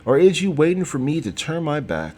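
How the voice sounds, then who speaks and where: A man voicing a proud, defiant old man in a diner who talks in gruff vernacular and dares a younger man to fight. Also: fairly high pitch, very animated, brisk, dark tone. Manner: gruff vernacular speech, challenging.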